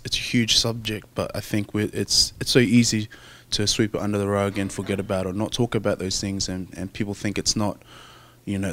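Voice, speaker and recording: A young man with an Australian accent, a rugby player answering interview questions in a soft, hesitant, thoughtful way with many fillers. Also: on the low side, a little hiss or hum.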